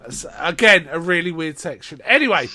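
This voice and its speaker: A man co-hosting a podcast, retelling a film's plot in lively casual chat with asides. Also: on the high side, brisk, no room sound. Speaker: podcast co-host. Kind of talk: casual film recap chat.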